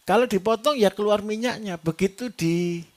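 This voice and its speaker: A man's voice: sits high, brisk. A man with a Javanese accent giving a live workshop lecture to farmers, joking and quizzing his audience as he goes. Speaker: livestock trainer.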